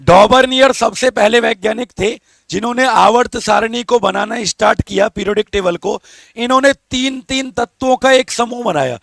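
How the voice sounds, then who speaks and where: High, gravelly male teacher coaxing students. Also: fairly bright tone, no room sound, studio quality. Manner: coaxing, calls students beta and babu, asks for comments. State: strained throat, talking softly. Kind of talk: live online exam-prep lesson.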